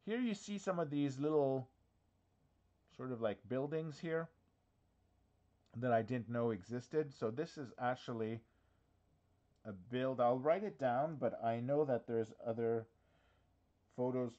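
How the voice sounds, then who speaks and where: A man's voice: mid-range voice, a little slow, long pauses, warm tone, lo-fi sound. A man hosting a casual live walkthrough from his office, talking in a chatty, hesitant way full of fillers and restarts, with the hiccups. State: has the hiccups. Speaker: diorama workshop host.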